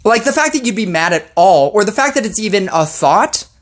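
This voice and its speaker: Woman gaming youtuber ranting, sarcastic and fed up, mid pitch. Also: very animated, a little fast. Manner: sarcastic, exasperated. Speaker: mobile game YouTuber. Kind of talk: ranting commentary.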